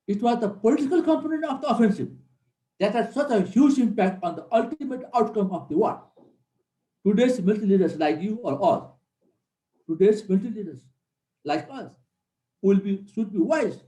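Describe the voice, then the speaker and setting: A middle-aged Nepali man with a high, warm voice gives an earnest classroom lecture as a military instructor, repeating key points for emphasis. The room has a roomy echo.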